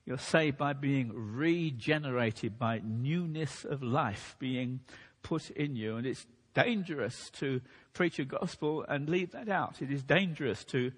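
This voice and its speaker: Preacher with a husky voice in a reverberant hall. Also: male voice, medium pitch. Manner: measured teaching delivery, occasional restarts. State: losing his voice a bit. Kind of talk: sermon.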